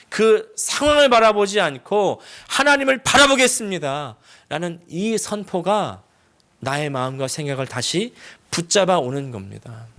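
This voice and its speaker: A male pastor preaching a sermon with passion, pushing his voice up on emotional lines and dropping low for quiet personal stories.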